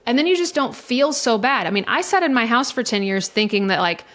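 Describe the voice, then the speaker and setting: A woman's voice: fairly high pitch, expressive, fairly quick, a bit bright. A middle-aged woman, a divorce coach, talking candidly and emotionally in a podcast interview, swearing freely as she goes. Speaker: divorce coach and mediator guest.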